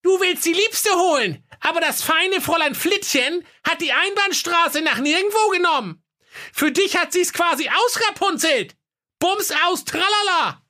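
A woman voicing a spiteful, quick-tempered old witch who sounds shrill and indignant. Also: animated, bright, forceful tone, full character voice. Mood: gloating.

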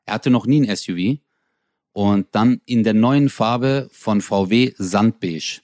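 A man in casual chat, telling an animated story with lots of slang and acted-out dialogue. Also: fairly low pitch, a little slow, dry recording, clean studio sound.

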